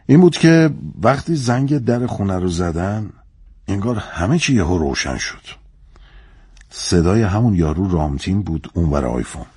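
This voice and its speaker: A man plays a tense narcotics officer narrating his own story in an audio drama. His very deep voice is husky and sounds close and dry, and his answers come short and guarded. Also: sing-song, a little mellow, no room sound, heavily acted. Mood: reflective. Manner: guarded, blunt. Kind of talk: first-person dramatic narration.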